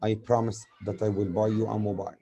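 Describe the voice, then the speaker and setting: This fairly low, mellow male voice moves quickly with a flat delivery, and the high frequencies are cut off. He is a grammar teacher with an Egyptian accent, a native Arabic speaker, who illustrates points with examples and answers his own questions.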